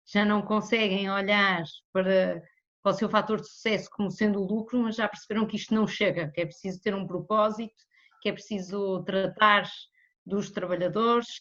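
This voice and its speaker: A woman with a European Portuguese accent, answering as a guest in an interview about economics in a measured way. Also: mid-range voice, fairly bright tone. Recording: slightly muffled lo-fi audio.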